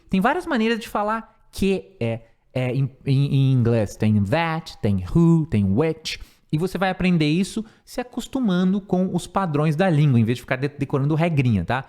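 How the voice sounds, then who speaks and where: Lively Brazilian man teaching English. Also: on the high side. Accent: Brazilian Portuguese. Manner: explains slowly, repeats words for pronunciation. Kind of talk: teaching English grammar and pronunciation.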